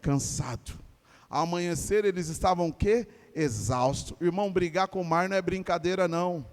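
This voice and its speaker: This church sermon comes from a Brazilian pastor whose high-pitched voice moves at a normal pace and leaves a long reverb tail. He has a Brazilian Portuguese accent and preaches with energy, asking his congregation questions and pushing them to answer back.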